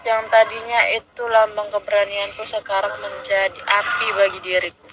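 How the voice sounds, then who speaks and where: A performer voicing a proud, wounded female spirit queen in stiff formal speech with sudden loud outbursts, in a spirit-possession session. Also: medium pitch, little pitch movement, moderate pace, close to an everyday voice. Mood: bitter. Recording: noisy field recording.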